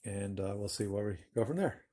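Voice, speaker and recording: A man in his fifties hosts a woodworking channel from his low-ceilinged home woodshop, holding a phone camera at arm's length as he demonstrates his work. His voice is fairly low and dark, with lively intonation and a brisk pace. He chats casually, rambling and correcting himself as he goes.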